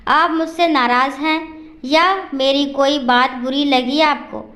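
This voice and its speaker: A woman's voice: high-pitched, fairly even intonation, measured pace, a bit bright. A woman voicing a hesitant, respectful young daughter-in-law in a storybook reading.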